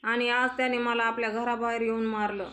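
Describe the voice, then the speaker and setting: A woman reading the lines of a scheming grown man who fakes being the victim, in a plain, flat reading voice. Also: on the high side, a little fast, lightly acted. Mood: whining complaint.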